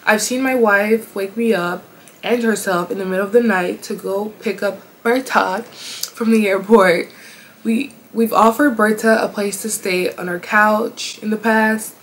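A woman host reading online confessions aloud from her bed, casual and slangy, reacting out loud as she reads. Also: mid-range voice, steady tone, unhurried, slight background noise, low-quality recording. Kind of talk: casual chatty commentary.

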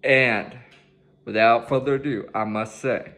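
Speaking in a mid-range voice with fairly even intonation and a fairly bright tone, the young man talks a little slowly. He's hosting a music reaction video indoors from his living room on a headset mic, laid-back, swearing freely, and hyping the track.

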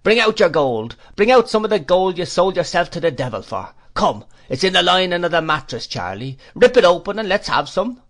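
A man's voice: sits high, sing-song, a little fast, few pauses, a bit bright, voice pushed up, full character voice. A man voicing a mocking street boy in a storybook, calling out taunts in a goading manner. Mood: mocking, taunting. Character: jeering street boys taunting an old miser. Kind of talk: storybook character voice.

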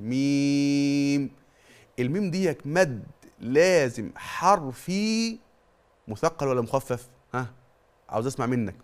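A middle-aged man with an Egyptian accent teaching a televised Quran tajweed lesson. He drills terms by question and answer and stretches out long vowels to demonstrate them. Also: mid-range voice. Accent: Egyptian Arabic.

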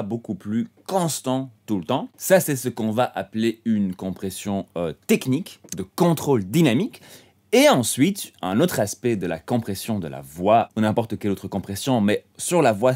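Low-voiced man explaining audio mixing. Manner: relaxed explaining, frequent "hop" interjections. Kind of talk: tutorial explanation.

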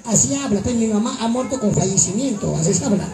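A woman's voice: a little high, animated, fast, noisy background. A woman playing a bossy city lady with a Peruvian accent, scolding and mocking her partner on a comedy stage. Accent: Peruvian Spanish. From Peru. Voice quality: scolding, mocking, sharp retorts. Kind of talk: live stage comedy sketch. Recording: echoey live stage with loud crowd.

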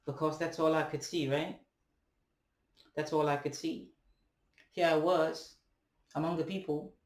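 This is a young adult vlogger from Ghana with a Ghanaian accent, whose voice runs on the high side. He delivers a thoughtful, halting, deliberate monologue, checking in through rhetorical questions and the tag "right?". He records indoors at home among bare walls and a ceiling fan, with the webcam at a distance in an echoey space.

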